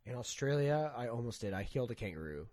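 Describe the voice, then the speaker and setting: A man's voice: mid-range voice, quick pace, a crowd in the background. A man in casual chat, telling car stories with lots of swearing and acted-out quotes. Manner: swears a lot, animated storytelling with quoted voices.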